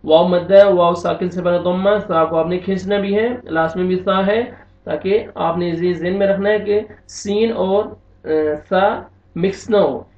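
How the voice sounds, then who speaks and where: Quran teacher spelling syllables slowly. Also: male voice, sits high. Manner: slow drawn-out recitation alternating with brisk explanations. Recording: tinny phone-like audio, roomy echo, distant from mic.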